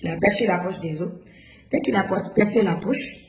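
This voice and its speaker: A woman's voice: mid-range voice, normal speed. Woman guest, emotional storyteller who acts out the dialogue, roomy recording with faint noise. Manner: animated, acts out the dialogue of others. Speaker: guest recounting a personal experience. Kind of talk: emotional first-person storytelling.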